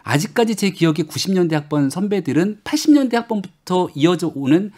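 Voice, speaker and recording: Panel guest, man, forties, fast talker, lively pitch, somewhat high voice, studio. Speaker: political panelist. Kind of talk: radio panel discussion. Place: radio studio.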